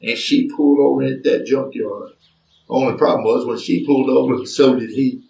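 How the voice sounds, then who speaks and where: A man's voice: medium pitch, steady tone, moderate pace, creaky, darkish tone. A man from Alabama with a Southern accent telling a folksy family story with drawling asides. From Chambers County, Alabama, US. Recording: roomy, distant from mic.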